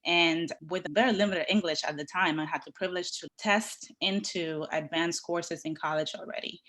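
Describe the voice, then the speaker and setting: Low-voiced woman from the Dominican Republic. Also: steady tone, a bit bright. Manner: earnest, measured, builds points in lists. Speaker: guest, workforce development leader. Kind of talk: podcast interview, telling her career story.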